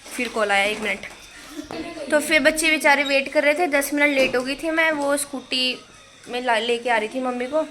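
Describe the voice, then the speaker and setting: A woman's voice: sits high, moderate pace, a bit bright, faint music behind. A young woman chatting casually to her phone camera at home in a daily vlog, sprinkling English words into her talk as she tutors children. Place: home, indoors. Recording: faint background noise.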